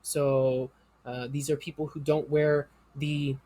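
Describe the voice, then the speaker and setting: A man's voice: on the high side, flat delivery, takes it slowly, dark tone, dry recording. Conversational male history teacher. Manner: explanatory, conversational, with fillers and asides. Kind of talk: recorded history lecture.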